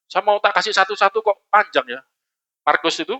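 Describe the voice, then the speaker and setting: A man preaching a lively, joking sermon in a church hall, often asking the congregation questions. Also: high-pitched, fairly quick. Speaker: pastor.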